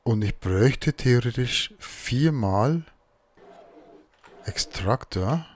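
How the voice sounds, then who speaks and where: A man's voice: medium pitch, lively intonation, very slow. A man giving casual let's play commentary, muttering to himself as he works through crafting.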